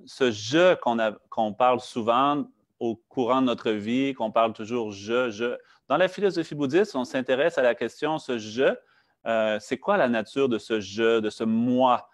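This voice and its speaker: A man fluently restating a Buddhist teacher's points in French, explaining clearly with a few light fillers. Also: medium pitch. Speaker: interpreter and assistant. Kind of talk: relaying a talk in fluent French.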